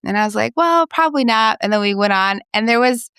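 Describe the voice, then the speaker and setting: A young woman co-hosting a podcast as a speech therapist, telling work stories in a relaxed way and laughing often. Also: mid-range voice, clean tone, no echo, studio quality. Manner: storytelling, laughs often, unhurried. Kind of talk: casual podcast chat.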